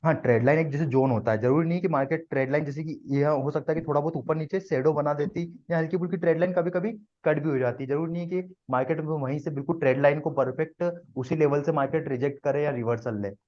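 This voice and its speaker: A man's voice: on the high side, fast talker, few pauses, lo-fi sound. A man teaching a live trading class to students, explaining step by step and often checking that they follow.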